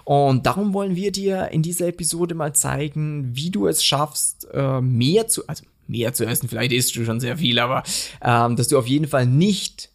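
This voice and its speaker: A man's voice: a little high, normal speed. A man hosting a podcast, introducing topics in a friendly, conversational way. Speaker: podcast host. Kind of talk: casual podcast talk.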